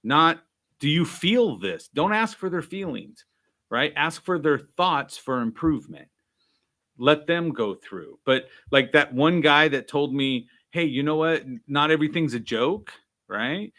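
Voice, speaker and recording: A man guest in a casual interview, telling stories and acting out quoted dialogue, with many "right?" and "I'm like" asides. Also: medium pitch. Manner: animated, acts out quoted dialogue. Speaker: guest, sales trainer.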